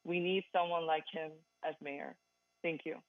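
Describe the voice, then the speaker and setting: A woman calling in by phone to a council meeting, reading a firm, measured prepared comment. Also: low voice, fairly even intonation, no room sound. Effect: calling in over a phone line. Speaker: public comment caller. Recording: dry, tinny phone line.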